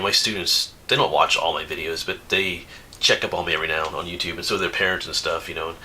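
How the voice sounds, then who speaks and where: A low-pitched man with a sharp tone reads viewer mail at home for his outdoors YouTube channel, recorded on a camera mic with slight background noise. He has a cold and sniffles, chatting in a rambling, casual way and laughing a lot.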